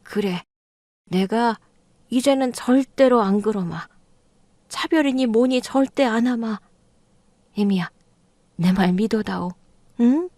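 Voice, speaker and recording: A woman's voice: a little high, takes it slowly, pauses often, dark tone, no room sound. A woman voicing an elderly mother-in-law in an audio drama, defensive and flustered, then pleading. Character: older mother-in-law, stubborn then backpedaling.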